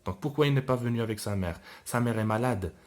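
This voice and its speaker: A man with a mid-pitched voice reads a novel aloud and explains it to his students. He speaks in a hesitant, halting way, stopping often to restart his sentences. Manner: hesitant, with many fillers and restarts while explaining. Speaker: French teacher.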